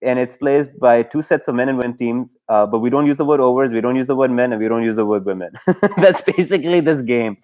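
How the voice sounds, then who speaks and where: A man's voice: medium pitch, fast, a little mellow. A man from Pakistan, hosting a casual solo livestream chat, rambling and hesitant, with many fillers and frequent laughs. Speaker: YouTube livestream host.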